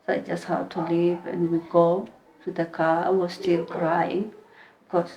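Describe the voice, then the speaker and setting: A woman guest on a podcast, earnestly retelling a personal story in a halting way with frequent restarts. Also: lowish voice, little pitch movement, a little mellow, dull audio.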